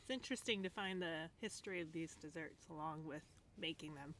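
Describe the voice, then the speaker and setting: A woman's voice: low-pitched, brisk, a bit bright, slight background noise. A woman chatting casually as a cooking guest, giggling and hedging with "like" and "I guess". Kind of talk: casual chat.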